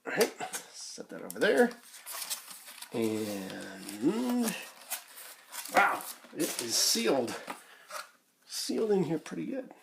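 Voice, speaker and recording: With long pauses and vocal fry, a YouTuber from Canada slowly talks through an unboxing in a sing-song, medium-pitched voice, rambling and hesitant while thinking aloud. An amateur home microphone picks it up along with a noisy background.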